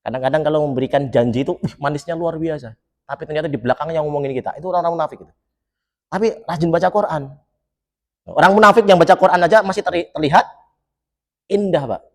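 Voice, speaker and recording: A man delivers a mosque sermon in a fairly high voice. He keeps it lively, jokes and keeps questioning the congregation. He recites Arabic lines, then explains them in plain words. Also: fast talker. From Solo, Central Java. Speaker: preacher.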